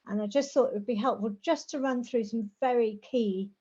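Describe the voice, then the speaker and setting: A middle-aged or older woman who says her r's as w, giving an informal, measured presentation in a conversational manner. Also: on the high side, slightly rough. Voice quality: says w for r, soft r sounds. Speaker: guest speaker, rural housing specialist. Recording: dull, lo-fi call audio.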